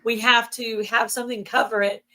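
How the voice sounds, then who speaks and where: A woman's voice: on the high side, little pitch movement, moderate pace, pushed and bright. A woman in casual, chatty, explanatory conversation, her voice giving out from allergies. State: losing her voice from allergies, throat clearing. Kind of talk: casual chat.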